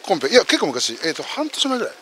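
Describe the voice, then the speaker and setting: A man's voice: high-pitched, very fast, background noise. A man streamer chatting casually and joking while walking a mountain trail outdoors, recorded on a camera mic. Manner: animated, joking, exclaims loudly. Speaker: streamer and host. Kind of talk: casual chat while hiking.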